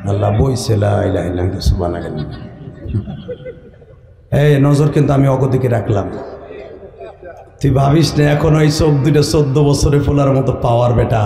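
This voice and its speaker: A man preaching a humorous sermon at a large religious gathering, joking in colloquial speech and breaking into loud shouted chants. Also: medium pitch, a little fast, long pauses, music in the background. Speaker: Islamic preacher. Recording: echoey loudspeaker sound with long reverb and a crowd. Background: crowd of listeners.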